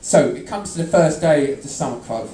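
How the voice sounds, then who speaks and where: A man's voice: on the high side, lively intonation, brisk, warm tone, a little hiss or hum. A young man doing live stand-up storytelling, chatting and bantering with the audience. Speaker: stand-up comedian. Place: comedy venue in front of an audience. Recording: roomy live venue, distant mic.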